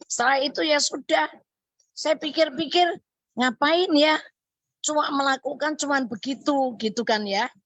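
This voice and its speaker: A woman tells a personal faith story as a radio guest. Her voice sits a touch high, and she slips into her remembered thoughts and words as she goes. The sound is close and dry, with no room echo. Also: a bit bright. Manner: earnest storytelling, acts out her own thoughts and quoted lines. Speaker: radio guest sharing a testimony.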